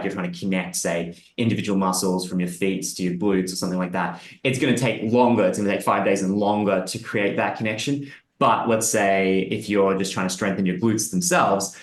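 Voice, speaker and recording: A man's voice: fairly low pitch, reverberant. A man interviewing a former client, explaining at length in a casual, rambling way and acting out quotes. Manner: rambling, fillers like "sort of things", acts out quotes.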